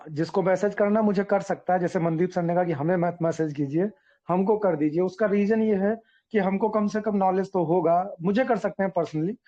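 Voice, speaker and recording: A man's voice: a little high, warm tone. Earnest man on a muffled call. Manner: earnest, repetitive, explains with examples. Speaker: team leader addressing members. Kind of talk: online group call talk.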